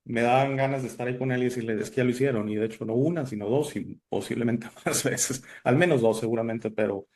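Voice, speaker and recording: A man's voice: mid-range voice, quick pace, hardly any pauses, a little mellow. Chatty Italian-born man hosting. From Italy. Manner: chatty, many fillers and restarts. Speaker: host. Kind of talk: casual interview chat.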